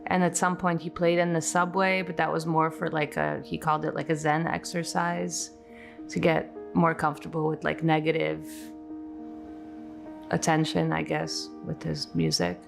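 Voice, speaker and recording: A woman's voice: sits low, little pitch movement, normal speed, gravelly, over music. A woman in her forties from Poland, recalling her childhood casually in a documentary interview, with many fillers. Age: 40s. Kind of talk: documentary interview, personal recollection.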